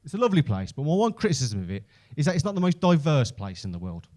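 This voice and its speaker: Here a stand-up comedian with a Brummie accent, hailing from Birmingham, England, rattles off stories quickly in a fairly high, sing-song, slightly mellow voice. He keeps it conversational and sweary, often at his own expense.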